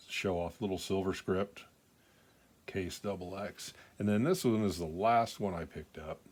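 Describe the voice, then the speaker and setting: A man's voice: sits low, darkish tone. An older man giving a casual show-and-tell of his collection, talking in a plain-spoken, folksy, rambling way. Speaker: knife collector presenting his pocketknives.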